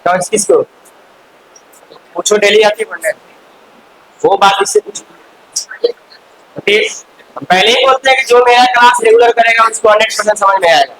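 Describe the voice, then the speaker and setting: Male classroom teacher, strikingly high-pitched, quizzes and scolds students, faint hissy recording. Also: fairly bright tone, low-quality recording. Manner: quizzes students with quick questions and answers; scolding, chatty asides to students. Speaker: chemistry teacher. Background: faint hiss.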